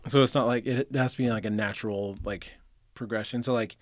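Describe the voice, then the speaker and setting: A man's voice: medium pitch, fairly even intonation, fairly quick, no room sound. Male co-host, easygoing sidekick energy, plain mid voice, dry close mic. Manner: laid-back, agreeable, joking. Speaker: podcast co-host. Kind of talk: casual gaming chat.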